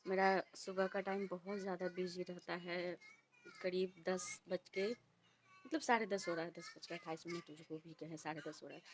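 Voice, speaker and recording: A woman in her thirties chatting softly in a casual home vlog, recorded at home on a phone set a little way off. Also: on the low side, fairly even intonation, normal speed, slight background noise, poor audio. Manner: speaks softly and quietly. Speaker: vlogger and homemaker. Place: indoors at home. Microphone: phone placed a little way off.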